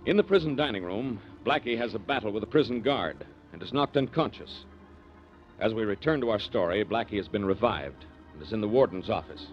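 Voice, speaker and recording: A man announcing and recapping the story in a measured, formal old-time radio drama delivery, heard on a dull old broadcast recording with faint music behind. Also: on the low side, animated.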